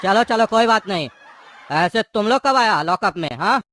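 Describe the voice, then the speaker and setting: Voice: medium pitch, lively intonation, normal speed, fairly bright tone, no room sound, lightly acted. Someone voicing a bullying cartoon thug. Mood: mocking. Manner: bullying, mocking, threatening. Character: menacing male thug prisoner called Psycho Genda. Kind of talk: cartoon voice acting.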